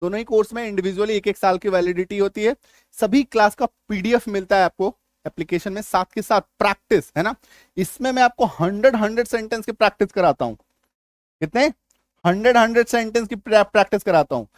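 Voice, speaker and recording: A man's voice: sits high, a little fast, dry recording, studio quality. A man with an Indian accent teaching English spelling rules in a lesson. He drills words, repeats himself and keeps checking whether learners understood. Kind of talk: spoken lesson.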